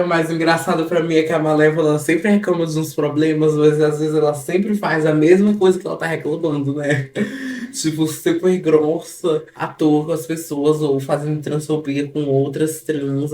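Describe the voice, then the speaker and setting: A woman's voice: low-pitched, fairly even intonation, normal speed, a little mellow, roomy sound. A woman streamer casually commenting on a clip in a gossipy, teasing way. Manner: gossipy, teasing, laughs at the story.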